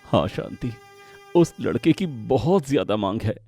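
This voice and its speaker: A man's voice: mid-range voice, expressive, a little slow, creaky, dark tone, faint music behind. A man as a worried poor village father. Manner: worried, earnest.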